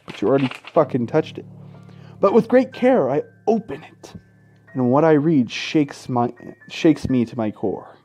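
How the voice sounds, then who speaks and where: A man reads a horror game dramatically as a let's play host, his mid-range voice warm with a breathy edge, lively intonation, and a measured pace. Game music sits behind him on the lo-fi recording, and he keeps breaking off for crude, profane, mocking asides.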